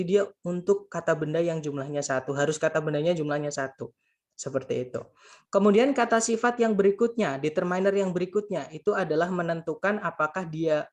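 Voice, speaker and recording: Patient, chatty grammar tutor. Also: mid-range voice. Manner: patient, repeats points and translates each example; keeps addressing listeners as friends. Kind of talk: casual spoken grammar lesson.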